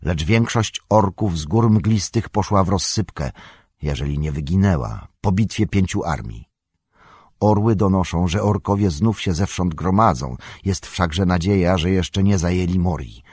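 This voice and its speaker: A man voicing a grave, commanding old male wizard in an audiobook, speaking in a husky, measured, solemn way. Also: deep voice, animated, a little mellow, no room sound, clean studio sound. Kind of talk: audiobook character reading.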